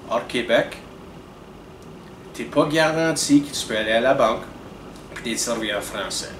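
Recorded from a distance in an echoey room with air conditioning humming, a young man from Canada delivers earnest vlog commentary to camera before a dark curtain. His voice is fairly low and his pace unhurried, and he speaks deliberately, with hand gestures and frequent restarts.

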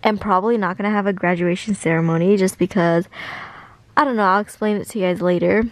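A woman's voice: medium pitch, steady tone, fast talker, no echo. A tired young woman chatting casually in a vlog, gushing affectionately over fan messages. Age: young adult. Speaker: vlogger reading fan messages.

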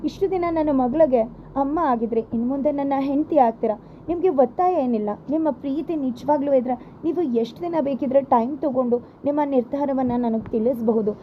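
A woman voicing a gentle, soft-spoken widowed father, on a dull lo-fi recording. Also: high-pitched, normal speed, slight background noise, natural voice. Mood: tender. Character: gentle widowed father, a man who turns fierce when crossed.

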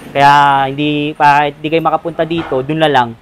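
A Filipino man touring a surplus warehouse for a vlog, asking about prices and repeating them back in a lively way. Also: a little high, fairly quick, a little hiss or hum. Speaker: vlogger touring a surplus store. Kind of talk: casual walkthrough vlog.

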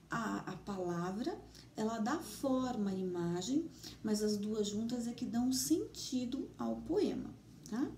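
A woman teacher with a Brazilian Portuguese accent giving a remote lesson to children, gentle and encouraging, speaking slowly and clearly. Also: fairly high pitch. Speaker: primary school teacher. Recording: roomy, distant mic with faint ambient noise.

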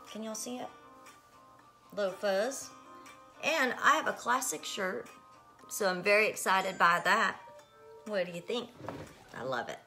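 A woman's voice: medium pitch, bright, forceful tone. A woman hosting a live stream and radio show, gushing and bubbly as she talks straight to her viewers with music playing behind her. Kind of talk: excited casual live-stream chat. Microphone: phone or webcam on a live stream. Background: music playing in the background.

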